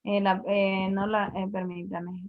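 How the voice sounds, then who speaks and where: A woman's voice: medium pitch, flat delivery, takes it slowly. A woman teaching an English grammar class, patiently explaining and repeating each point in a classroom. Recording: muffled lo-fi recording.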